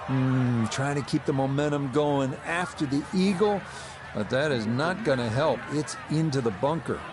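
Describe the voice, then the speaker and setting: A man's voice: mid-range voice, normal speed, noisy background. A man calling golf play by play as a commentator.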